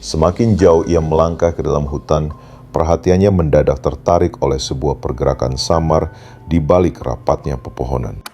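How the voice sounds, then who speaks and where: A man's voice: extremely low pitch, steady tone, moderate pace, dark tone, soft background music. A man reading a scripted horror story as narrator, in a solemn, dramatic storytelling manner.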